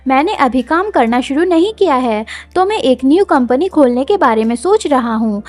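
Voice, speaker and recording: A woman's voice: high voice, animated, moderate pace, a little mellow, no echo. A clingy young nobleman who dotes on the girl he likes, as a woman puts him on in a manhwa recap. He talks in a pleading, affectionate way and sounds dry and close, with no room around him.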